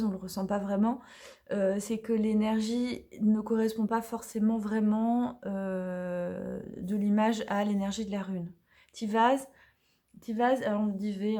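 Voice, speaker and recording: A woman's voice: medium pitch, mellow. A woman casually unboxing and reviewing an oracle card deck, talking chattily with many hesitations and now and then dropping to a whisper.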